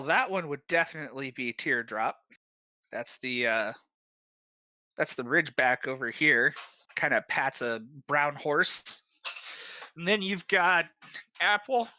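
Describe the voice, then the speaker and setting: Relaxed, bright-toned game master narrating a tabletop session; dry, close sound. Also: mid-range voice, no echo. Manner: relaxed, many "uh" fillers.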